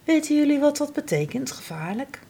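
A woman's voice: high-pitched, very animated, a little fast, creaky, dark tone, voice pushed up, heavily acted. A woman playing a curious little fawn. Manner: eager, questioning. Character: curious young male fawn, small and eager.

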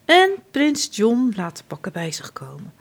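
A woman reading a children's storybook aloud, expressive and hushed at times. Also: fairly high pitch, a little slow, vocal fry.

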